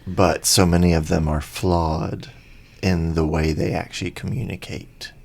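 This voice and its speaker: A man's voice: deep voice, steady tone, a little slow, creaky. A man co-hosting a podcast in casual chat, easygoing, agreeing often and restarting his sentences. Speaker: podcast co-host.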